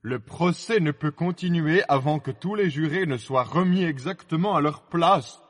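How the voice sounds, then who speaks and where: A man's voice: on the high side, moderate pace, long reverb tail, lightly acted. A man playing a pompous peevish king. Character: pompous fussy fairy-tale king presiding a trial. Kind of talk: storybook audio drama.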